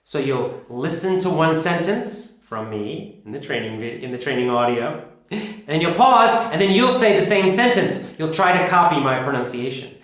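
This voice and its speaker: A middle-aged American man with a General American accent, teaching an English pronunciation course in a slow, clear, emphatic way that repeats key points. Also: on the high side, big pitch swings, a bit bright. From United States. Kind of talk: recorded course lesson. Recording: very echoey room.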